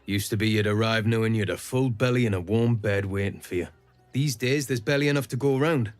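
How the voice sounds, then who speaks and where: A man's voice: fairly low pitch, quick pace, dry recording, natural voice. An actor playing a folksy townsman who greets newcomers in a fantasy video game. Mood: courteous, wry. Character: friendly-seeming male townsman helping newcomers. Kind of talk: video game character acting.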